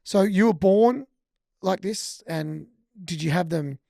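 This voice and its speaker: A man's voice: sits high, slow, gravelly, darkish tone, no echo, clean studio sound. A man co-hosting a podcast, chatty and joking, poking fun at himself between questions. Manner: joking, chatty, self-mocking. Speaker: podcast co-host. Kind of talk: casual interview conversation.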